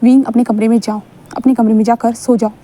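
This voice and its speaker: A woman's voice: a little high, flat delivery, quick pace, dark tone, close to an everyday voice. Woman voicing a stern reserved young man. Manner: curt, scolding. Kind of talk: fan fiction storytelling.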